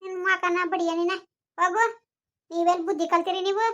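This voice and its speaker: Woman as a quarrelsome mother, high bright voice. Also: level tone, brisk, muffled recording. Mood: angry scolding. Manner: scolding, shouting threats. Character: angry village mother, sharp-tongued. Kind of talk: village comedy skit acting.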